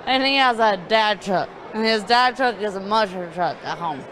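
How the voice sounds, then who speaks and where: A woman's voice: mid-range voice, normal speed, a bit bright, some chatter behind, a little hiss or hum. A young woman from Georgia giving a brash, rambling interview into a handheld microphone. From Georgia, United States. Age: young adult. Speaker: interviewee at a monster truck event. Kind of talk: boisterous vox-pop interview. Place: busy arena concourse.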